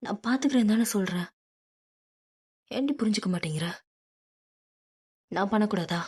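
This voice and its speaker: A woman's voice: medium pitch, moderate pace, darkish tone, slightly rough, lightly acted. A woman voicing a possessive, hot-tempered rich young man in an audiobook, speaking bluntly and insistently. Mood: heated, insistent. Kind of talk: audiobook character reading.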